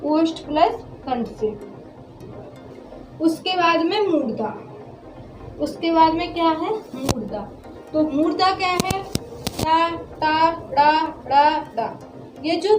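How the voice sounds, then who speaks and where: A woman's voice: extremely high pitch, measured pace, roomy sound, over music, rough recording. A woman teaching Hindi pronunciation, sounding out syllables one by one and answering her own questions. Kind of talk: classroom lesson on pronunciation.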